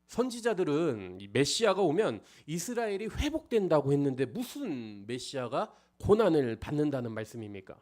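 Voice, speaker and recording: A man's voice: on the high side, big pitch swings, moderate pace, few pauses, darkish tone, voice pushed up. A man voicing an indignant male disciple who protests with exasperated rhetorical questions.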